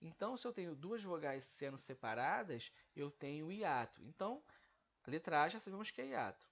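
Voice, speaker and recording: A man's voice: fairly high pitch, sing-song, normal speed, fairly bright tone, lo-fi sound. A male teacher giving a grammar lesson, explaining step by step and drawing out the example words he is breaking down.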